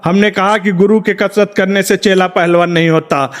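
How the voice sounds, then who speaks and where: A man's voice: sits high, steady tone, moderate pace. A middle-aged male chemistry teacher giving a rousing, scolding coaching talk to exam students, full of rhetorical questions. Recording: long reverberant room echo.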